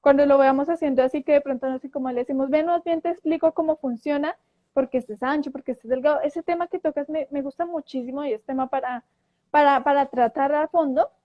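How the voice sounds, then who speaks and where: A woman telling a story in casual talk, animated and acting out quoted voices, with frequent restarts. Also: high voice, fast talker. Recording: dull lo-fi audio.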